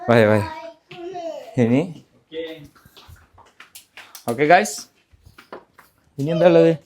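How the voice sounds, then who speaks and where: A vlog host with a Malayali accent chats casually through a walking tour, talking to viewers and companions in Malayalam sprinkled with English words. His voice is a little high, animated and a little mellow, and his pace is a little slow.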